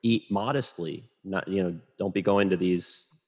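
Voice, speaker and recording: A man, a photographer, talking casually and rambling in a relaxed, self-deprecating way as a podcast guest. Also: low voice, measured pace.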